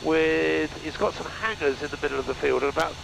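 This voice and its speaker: A male flight instructor with a very creaky, fairly high-pitched voice explains things casually and haltingly. He talks through a headset in a small cockpit with clear engine drone behind him. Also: noisy background. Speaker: flying instructor. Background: aircraft engine drone.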